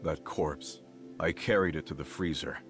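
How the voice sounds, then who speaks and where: A man's voice: very deep voice, normal speed, faint music behind. An actor playing a stoic, loyal man in a game, grave and stubborn as he guards a guilty secret. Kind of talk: scripted game acting.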